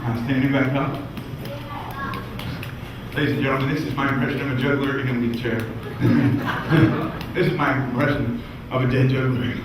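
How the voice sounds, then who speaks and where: A man's voice: medium pitch, little pitch movement, normal speed, long pauses. A man performing a live comedy juggling act, with showman patter to the audience and self-mocking jokes. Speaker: stage juggler and comic. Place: indoor stage before a live audience. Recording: very echoey distant live room recording with loud noise.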